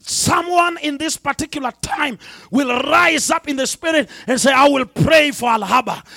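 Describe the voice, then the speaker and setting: A man preaching a revival sermon in a roaring, rallying shout, driving phrases home with emphatic repetition. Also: very high voice, creaky, no room sound.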